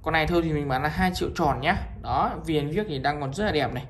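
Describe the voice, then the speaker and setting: A man with a northern Vietnamese accent gives an informal, repetitive sales pitch as a shop seller, presenting items one by one to viewers. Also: quick pace, slight background noise. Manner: repetitive, item-by-item selling with frequent appeals to viewers.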